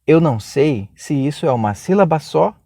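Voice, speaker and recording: A man's voice: lively intonation, normal speed, vocal fry, warm tone, dry recording, clean studio sound. A man voicing an anxious, confused exam student who pleads fretfully. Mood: panicked. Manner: fretful, higher-pitched pleading.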